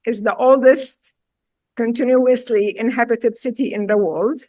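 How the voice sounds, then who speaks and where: Woman, Syrian accent, middle-aged, chef guest, emphatic, higher voice, dry close sound. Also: steady tone, unhurried, mellow, no echo. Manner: emphatic, direct storytelling with loose grammar. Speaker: chef and restaurant owner, guest. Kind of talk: casual interview chat.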